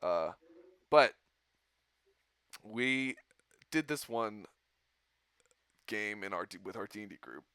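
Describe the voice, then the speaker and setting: Bright-voiced man telling a rambling story. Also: lowish voice, animated, slow pace, pauses often, clean tone, no echo. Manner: rambling storyteller, laughs often. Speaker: podcast host. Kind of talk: casual chat.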